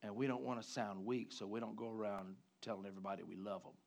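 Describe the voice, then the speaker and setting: A man preaching a sermon, swinging from loud emphatic rises to quiet low drops. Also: steady tone, fast, creaky, a little hiss or hum. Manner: preaching with sudden loud rises and soft drops, mimicking guys. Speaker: pastor.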